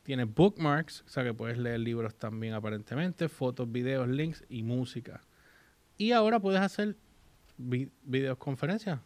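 A man's voice: medium pitch, lively intonation, unhurried, a little mellow, no room sound. A man hosting a casual chat, mixing in English words and reading English text aloud. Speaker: host.

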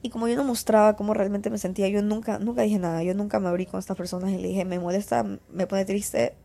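Hoarse, congested young woman podcaster. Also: mid-range voice, flat delivery, rapid-fire, dark tone. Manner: confiding, rambling, with frequent self-corrections. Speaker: podcast host. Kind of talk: casual personal podcast monologue.

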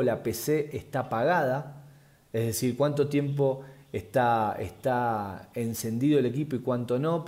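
Interview guest: man, security expert, mellow dark voice, measured explainer. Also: mid-range voice. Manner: measured, explanatory, frequent fillers and restarts.

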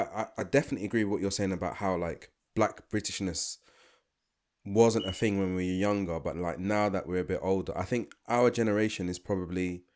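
A low-pitched, somewhat mellow voice belongs to a young man from London. On a podcast, he chats casually and reflectively, rambling with asides and often beginning sentences over.

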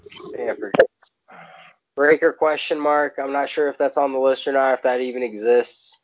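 A man's voice: mid-range voice, little pitch movement, normal speed, dry recording. A man co-hosting a podcast in casual, conversational talk. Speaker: podcast co-host. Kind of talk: casual chat. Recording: dry, slightly muffled mic.

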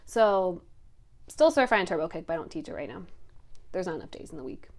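A woman's voice: on the low side, very animated, fast, a crowd in the background. A woman hosting a fitness podcast, casually explaining a workout class format step by step and often checking in with her guest. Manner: explains step by step, often asks "you know what I mean". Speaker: podcast host and fitness instructor.

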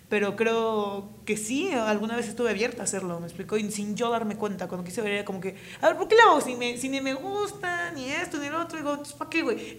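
Animated Mexican woman chatting on a podcast. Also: medium pitch, slight background noise. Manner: animated, slangy, laughs often. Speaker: podcast co-host. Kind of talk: casual chat.

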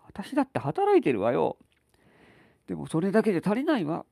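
A tired, sharp-tongued wife and mother, put on by a man in a spoken story. The voice is raised well above a man's speaking pitch and rises and falls a lot. It is close and dry. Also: huge pitch swings, brisk, gravelly, husky, dry recording, full character voice. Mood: scolding. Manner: scolding then frantic.

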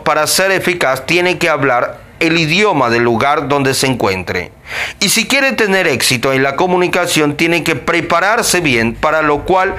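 A man's voice: fairly high pitch, pushed and bright. A man reading a self-help text aloud, now and then tripping over a word and saying sorry before starting the line again. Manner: stumbles over words and says sorry.

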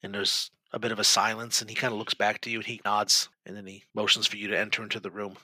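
A man narrating a tabletop game as game master, in steady, descriptive storytelling. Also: fairly low pitch, fast talker, slightly rough, no echo, low-quality recording.

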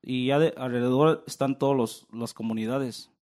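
Halting guest from Michoacán, ordinary mid-range voice, bilingual casual chat. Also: male voice, medium pitch, fairly even intonation, darkish tone. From Michoacán, Mexico. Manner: halting, restarts often, switches to English.

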